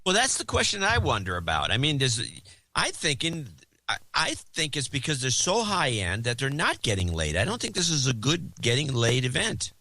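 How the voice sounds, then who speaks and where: A man's voice: medium pitch, wildly swooping pitch, normal speed, sharp tone, no echo. A man co-hosting a podcast, blunt and wry in casual chat. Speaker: podcast co-host.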